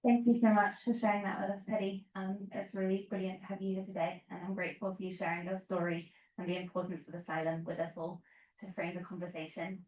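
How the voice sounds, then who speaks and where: A woman's voice: lowish voice, level tone, quick pace, a little mellow. A woman moderates a panel and asks polite questions with a few fillers. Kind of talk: hosting a panel discussion. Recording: echoey, distant, dull sound.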